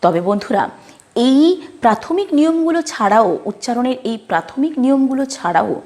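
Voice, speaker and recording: A woman teaching a phonics lesson, explaining slowly with examples and asking checking questions. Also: high-pitched, sing-song, a little mellow.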